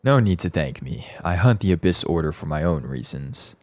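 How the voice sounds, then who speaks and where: A man's voice: low voice, big pitch swings, normal speed, a little mellow, faint music behind. A man reading a game's lines as an aloof, weary swordsman in a tired, formal voice. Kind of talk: reading game dialogue aloud.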